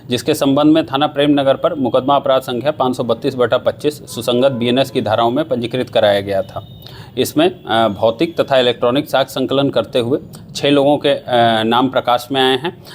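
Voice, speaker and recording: A police official gives a formal statement in measured, bureaucratic wording, with a few slight hesitations. His voice sits in a middle pitch range. Faint background noise is heard behind him.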